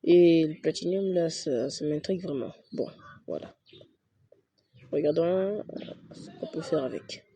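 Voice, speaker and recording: A young man, chatting slowly through his game and muttering to himself. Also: a little high, warm tone, a little hiss or hum. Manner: talks to himself, mutters and swears at mistakes. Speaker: gaming youtuber. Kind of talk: casual let's-play commentary.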